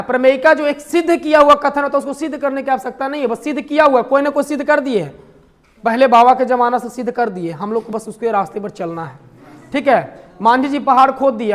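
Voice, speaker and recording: A man's voice: extremely high pitch, a bit bright. A man teaching a math class, firing questions at the class, answering them himself and slipping in jokes. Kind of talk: classroom lecture.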